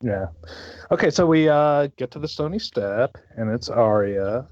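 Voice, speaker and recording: A man's voice: lively intonation, a little slow, a little mellow, no echo. A man co-hosting a book podcast, giving a loose, swearing, rambling chapter summary. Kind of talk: casual book discussion. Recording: muffled dry low-fi audio.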